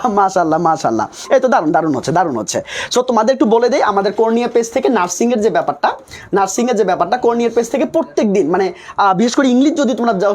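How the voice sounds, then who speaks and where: A young man teaching English for nursing exams in a live online class, coaxing students and repeating himself as he quizzes them. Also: high voice.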